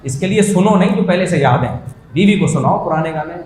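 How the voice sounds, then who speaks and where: A man's voice: a little high, slight background noise. Man preaching in a roomy hall. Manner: conversational, jokey, builds to animated emphasis. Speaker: Islamic preacher. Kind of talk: humorous sermon storytelling. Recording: roomy echo.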